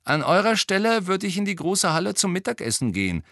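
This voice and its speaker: A man's voice: high voice, big pitch swings, fairly quick, a bit bright, dry recording, studio quality, pitched above the performer's own voice, exaggerated voice. A man voicing a cool, teasing teenage boy prankster in an audiobook. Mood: cocky.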